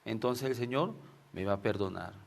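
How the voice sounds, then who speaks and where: On the low side and creaky, this man's voice moves at a moderate pace through an informal sermon with personal anecdotes. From Venezuela, he speaks with a Venezuelan Spanish accent and often finishes phrases with tag questions.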